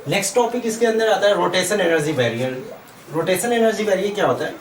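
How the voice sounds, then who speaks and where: A man's voice: high-pitched, lively intonation, fast, a little hiss or hum. A man with an Indian accent teaching chemistry at a board, asking questions and answering them himself while repeating key terms. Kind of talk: whiteboard lecture. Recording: echoey room, mic far off.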